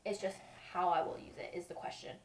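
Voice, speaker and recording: A woman vlogger with a stuffy, sniffly nose rambles chattily while reviewing beauty products, repeating reassurances. Her lowish voice holds a steady tone at a slightly quick pace. The mic sits at a distance, giving a roomy sound with slight background noise.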